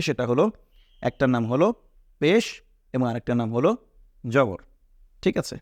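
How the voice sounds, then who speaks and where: A man's voice: mid-range voice, a little mellow, dry recording, studio quality. A man teaching a basic Quran reading class, patiently repeating points and asking students questions in a Bangladeshi Bengali accent. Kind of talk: classroom lesson.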